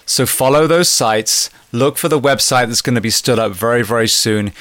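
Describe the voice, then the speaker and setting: A man's voice: mid-range voice, moderate pace, a bit bright, no echo. A man hosting a podcast interview, talking in an enthusiastic, conversational way. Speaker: podcast host.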